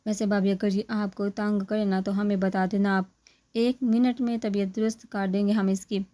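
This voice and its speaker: A woman's voice: medium pitch, flat delivery, normal speed, warm tone, natural voice. A woman voicing a talkative young man who keeps teasing his friends, in a chatty, joking manner.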